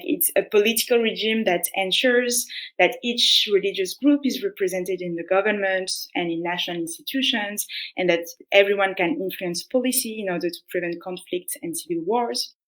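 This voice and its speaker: A woman's voice: on the low side, rough recording. A young woman with a French accent, explaining patiently as a guest on a podcast, with many restarts and "like"s. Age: young adult. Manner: earnest, explanatory, frequent "like" and restarts. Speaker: guest economist. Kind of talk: podcast interview.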